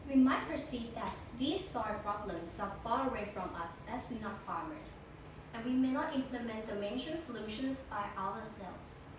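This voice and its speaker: A woman's voice: fairly high pitch, moderate pace. Distant, rehearsed young woman speechmaker. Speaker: speech contestant. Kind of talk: memorized competition speech. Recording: echo-heavy room, distant mic, noisy.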